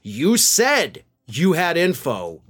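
A man's voice: fairly high pitch, wildly swooping pitch, slow, fairly bright tone, husky. A man delivering political news commentary in an incredulous, sarcastic, exasperated way. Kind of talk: scripted-sounding news commentary.

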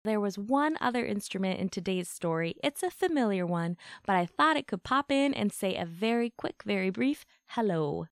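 A woman host narrating a rhyming children's story in a gentle, rhythmic way, voicing its splashes and scoots with play. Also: mid-range voice, expressive, normal speed, few pauses, no room sound, clean studio sound. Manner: gentle, rhythmic reading with playful sound words. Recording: soft music behind the voice.

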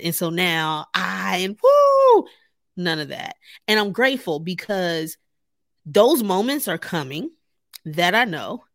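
A woman hosts her own solo podcast, chatting casually and animatedly straight to her listeners and laughing often. Her voice is on the low side, and the sound is clean studio audio with no room sound.

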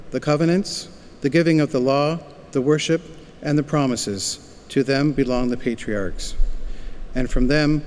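A man's voice: mid-range voice, darkish tone. Male scripture reader in long church reverb. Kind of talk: formal liturgical reading. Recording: echoey church, background noise.

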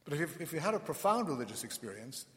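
A man speaking as a priest in church, measured and reflective, with pauses between phrases, in a cathedral echo. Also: on the high side, sing-song. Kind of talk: liturgical reading and sermon. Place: large reverberant church interior.

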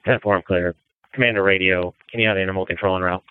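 Deep fast-talking male incident commander on radio. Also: fairly even intonation, slight background noise. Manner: businesslike, directive. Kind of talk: fireground radio dispatching. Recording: narrow, phone-like radio audio.

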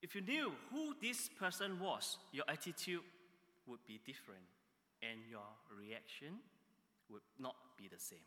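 A man preaching a sermon, emphatic, pushing his pitch and volume up on key phrases. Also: sing-song, measured pace, sharp tone, in a large hall.

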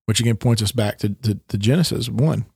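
A man's voice: on the low side, brisk, gravelly, a little mellow, slightly rough, dry recording, studio quality. A man co-hosting a casual Bible discussion, reading verses and explaining them, stressing the key phrases.

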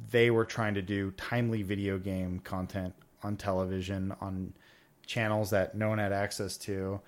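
Man, podcast guest, fairly low pitch, casual storytelling, informal, rambling. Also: a little mellow. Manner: informal, rambling, quoting himself and others.

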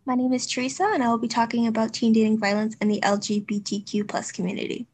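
A woman's voice: fairly high pitch, little pitch movement, fast, a little mellow. A young woman presenting on a youth podcast, talking in a conversational style. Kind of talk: conversational discussion.

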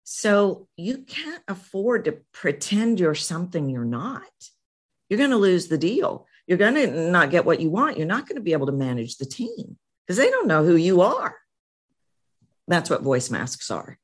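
A middle-aged woman coach explains her ideas in an energetic, emphatic way. Her pitch swings in a lively way, and she repeats phrases for emphasis. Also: normal speed. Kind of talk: interview guest.

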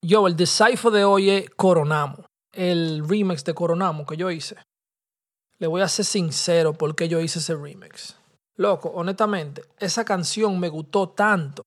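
A man's voice: sits high, measured pace, fairly bright tone. A young man with a Dominican Spanish accent tells a personal story in loose street slang, casual and conversational, dropping English words. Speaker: podcast host telling a personal story.

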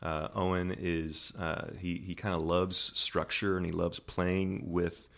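Man, young adult, very low pitch, gravelly, halting, filler-heavy, casual chat. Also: flat delivery, fairly bright tone. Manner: thoughtful, halting, many fillers. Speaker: parent guest on a panel.

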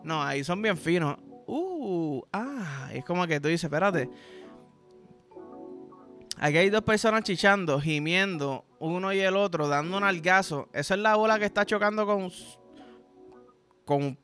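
A man's voice: high voice, normal speed, long pauses, fairly bright tone, faint music behind. A young Puerto Rican man hosting a podcast, rambling through vulgar comic stories with sound effects and frequent swearing. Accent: Puerto Rican Spanish. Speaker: podcast host. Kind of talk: crude comedic monologue.

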